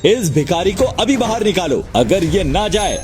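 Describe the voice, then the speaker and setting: An actor playing a quick-tempered rich father who barks orders at his family, in a dubbed drama. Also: high-pitched, sing-song, darkish tone, faint music behind. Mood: angry. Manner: bossy, threatening. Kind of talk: Hindi dub of a drama series.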